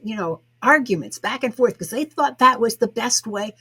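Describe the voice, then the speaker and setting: A woman's voice: a little high, expressive, normal speed, sharp tone, slightly rough. A woman hosting a podcast interview, telling a workplace story thoughtfully and restarting phrases as she goes. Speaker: podcast host. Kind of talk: interview conversation.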